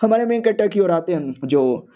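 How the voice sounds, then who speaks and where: A man's voice: sits high, animated, moderate pace, mellow. A man narrating a comic manhwa recap in a slangy, joking way, briefly acting out the figures' lines himself.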